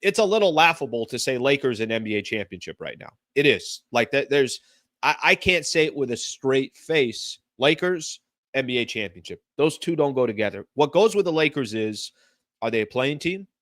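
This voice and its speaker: A man's voice: mid-range voice, animated, normal speed, a bit bright, no echo, studio quality. A man hosting a sports talk show, giving an emphatic monologue with repeated rhetorical phrases and casual fillers. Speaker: sports podcast host.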